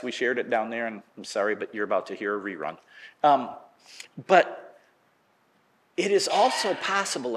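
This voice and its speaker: A middle-aged male pastor preaching in a small church. His voice sits a little high, and he talks in a homey storytelling way. At the big moments he gets louder and more animated. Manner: folksy storytelling, grows loud and animated at the story's peak. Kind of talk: sermon. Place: church sanctuary.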